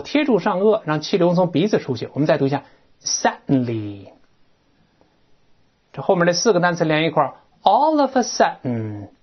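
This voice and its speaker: A woman with a low, husky voice teaches an English textbook lesson, her pitch swinging widely as she talks. She explains words and grammar in a chatty, folksy way, full of asides and rhetorical questions. The recording sounds dull and lo-fi.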